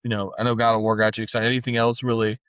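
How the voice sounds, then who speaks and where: Excitable slangy man, lowish voice. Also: very fast, no echo. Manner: excitable, slangy, curses casually. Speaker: podcast co-host. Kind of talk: casual gaming podcast chat.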